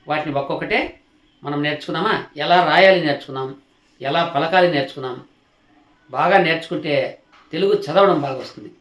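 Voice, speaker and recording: A male teacher giving a slow alphabet lesson, patiently repeating each sound and stopping to ask his learners questions while he writes. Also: fairly high pitch, fairly bright tone. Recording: roomy echo.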